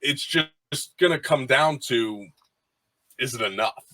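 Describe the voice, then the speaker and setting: A man co-hosting a podcast talks baseball casually, rambling with frequent fillers and restarts. His mid-range voice has a sharp tone and he takes it slowly; there's no echo, but the audio is poor.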